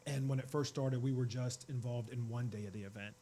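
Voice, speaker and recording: A man in his forties, a college department chair, talking in a relaxed interview with fillers. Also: mid-range voice, brisk, a little hiss or hum. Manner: warm, relaxed storytelling with fillers. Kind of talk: casual interview talk.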